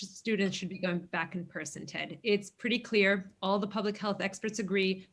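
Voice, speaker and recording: A woman in her thirties from Greece, a congressional candidate answering questions earnestly in a virtual forum, with frequent fillers. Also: medium pitch. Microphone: video call.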